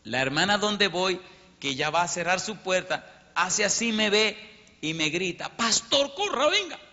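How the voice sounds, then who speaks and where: A man's voice: sits high, a little slow. A man preaching as a pastor, telling a dramatic story and acting out the dialogue and sound effects. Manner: animated, acts out sounds and dialogue. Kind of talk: storytelling sermon. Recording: lo-fi recording in a reverberant hall.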